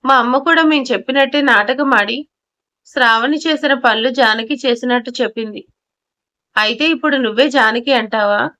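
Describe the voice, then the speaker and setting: A woman's voice: a little high, moderate pace, sharp tone. A woman voicing a scheming young woman who poses as her twin sister.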